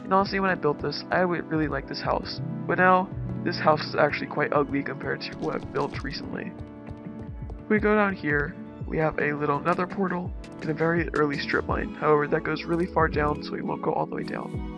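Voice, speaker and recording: A man speaking through a voice changer as he hosts a relaxed, easygoing tour of his game world. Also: on the high side, a little fast. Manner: laid-back, easygoing, talks while touring his builds. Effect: voice changer disguising his voice. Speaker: gaming channel host. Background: background music.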